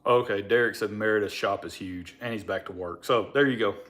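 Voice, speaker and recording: Man, fairly low pitch, mumbled marbles-in-mouth diction, rambling, informal livestream chat. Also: a little fast, fairly bright tone. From Alabama, United States. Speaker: livestream host.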